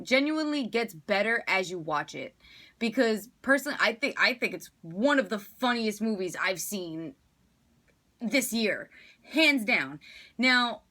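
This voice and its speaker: Bright-voiced chatty woman reviewing a movie. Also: medium pitch. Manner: enthusiastic, chatty, filler-heavy. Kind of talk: casual spoken movie review.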